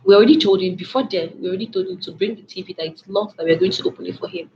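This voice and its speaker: A woman's voice: mid-range voice, racing. A young woman chatting casually on a livestream, telling a story animatedly with lots of restarts and fillers while reading viewer comments. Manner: animated retelling with many restarts and filler words. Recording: slightly dull lo-fi audio with faint noise.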